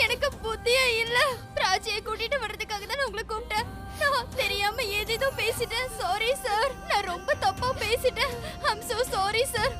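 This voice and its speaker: A tearful remorseful young woman. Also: very high voice. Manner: apologetic, tearful. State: crying. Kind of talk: dubbed television serial acting. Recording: loud music score under dialogue.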